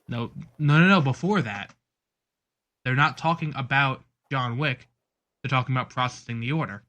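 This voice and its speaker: A man's voice: medium pitch, normal speed, pushed and bright. A man co-hosting a casual movie podcast, rambling with many ums and getting exasperated. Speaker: podcast co-host. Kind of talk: casual chat.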